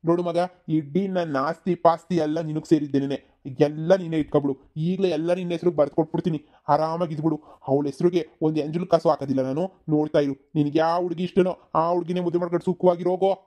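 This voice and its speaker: A man voicing an enraged middle-aged village father in a cartoon comedy, shouting threats and later pleading for forgiveness. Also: on the high side, steady tone, fast, lightly acted. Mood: furious.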